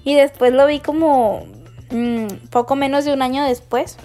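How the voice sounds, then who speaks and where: A woman's voice: sits high, fairly even intonation, moderate pace, dark tone, soft background music. A young woman, telling a story to her listeners in a gushing, bubbly way full of fillers and restarts. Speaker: podcast host.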